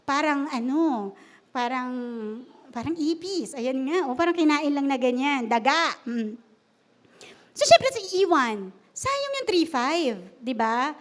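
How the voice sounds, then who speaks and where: A woman's voice: sits high, lively intonation, slow pace. A woman preacher giving a humorous, conversational sermon at a church service and often asking the congregation questions.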